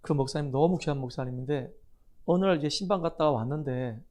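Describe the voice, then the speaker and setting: A middle-aged male pastor preaches in a church sanctuary with a slightly raised pitch. He tells stories and acts out the dialogue. He builds to emphatic appeals to the congregation. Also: quick pace, dark tone. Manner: storytelling, acting out dialogue, rising to emphatic appeals. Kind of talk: sermon.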